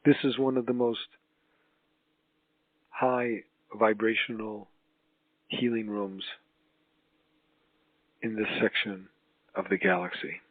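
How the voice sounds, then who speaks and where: A man leading a guided healing meditation as a spiritual channel, in a solemn, mystical healer manner with drawn-out, halting phrases. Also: fairly low pitch, flat delivery. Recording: roomy, tinny phone-like line.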